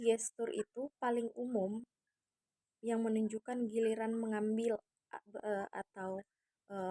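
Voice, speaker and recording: A woman student giving a measured class presentation, switching between English and Indonesian. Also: a little high, mellow, dry recording, poor audio.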